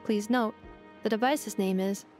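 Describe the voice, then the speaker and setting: An actress voicing a polite, precise female robot helper in a video game, speaking in a formal, even manner. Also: medium pitch, unhurried, faint music behind, close to an everyday voice. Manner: formal, precise, evenly paced.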